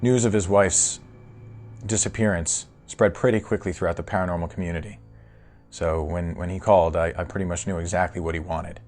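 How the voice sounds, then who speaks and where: A man's voice: low-pitched, fairly even intonation, fairly quick, a little mellow, faint music behind, natural voice. A man playing an eager lead paranormal investigator, earnest and repeating words, in a mock documentary interview. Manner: earnest, stammered word repeats. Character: keen male paranormal investigation leader. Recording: faint background noise, room ambience.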